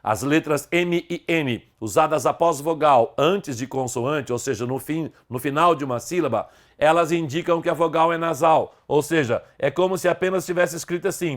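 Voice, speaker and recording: A man teaching grammar to the camera in a fairly high voice. He talks in an animated, emphatic way and stresses each key word. He acts out the examples as he explains them. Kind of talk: spelling lesson to camera.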